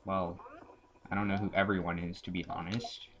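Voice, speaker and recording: A man's voice: low voice, level tone, moderate pace. A man giving casual, sarcastic commentary while playing a video game through a computer microphone, with mock-frightened asides. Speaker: let's play gamer. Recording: dull lo-fi with loud hiss.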